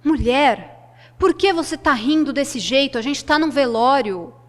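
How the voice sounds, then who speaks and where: An exasperated, scolding village husband, as a woman storyteller plays him, firing off puzzled questions in a high, ringing voice. A long hall reverb and faint guitar sit behind. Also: expressive, a little slow.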